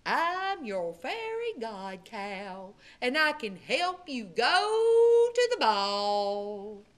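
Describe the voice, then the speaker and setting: Slow dreamy fairy godmother cow, lady putting it on, drawled out, bright voice. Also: on the high side, sing-song, exaggerated voice. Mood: soothing. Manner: very slow, drawn out.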